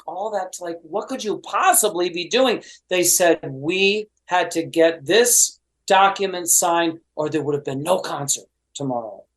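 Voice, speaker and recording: A man telling stories as a podcast guest, animated and chatty. He fills his talk with "you know" and acts out the quoted voices of others as he goes. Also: high voice, rough recording.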